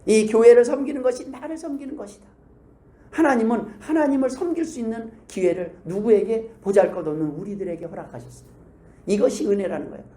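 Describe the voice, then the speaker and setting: A man's voice: high-pitched, quick pace, dark tone. A male pastor giving a conversational sermon in a church, asking the congregation questions and acting out prayers in different voices. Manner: acts out prayers and replies in changing voices. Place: church sanctuary. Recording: roomy echo.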